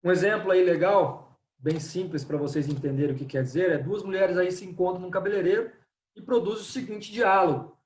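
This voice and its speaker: A man's voice: sits high, a little fast, a little mellow, a little hiss or hum. Man teaching from an echoey room. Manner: explanatory, repeats "né?" and "pessoal". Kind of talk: online class lecture. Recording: echoey room, distant from mic.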